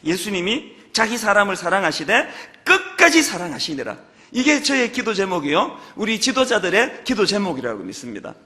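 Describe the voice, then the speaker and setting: Gyeongsang-born male pastor, lively high voice. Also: moderate pace. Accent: Gyeongsang Korean. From Gyeongsang region, South Korea. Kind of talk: sermon. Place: large church sanctuary. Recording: long church hall reverb.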